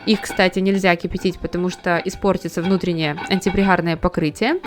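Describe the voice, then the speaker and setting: A woman giving a calm, step-by-step scripted voice-over on cleaning a pan. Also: fairly low pitch, fairly quick, music in the background. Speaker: home cleaning tips host.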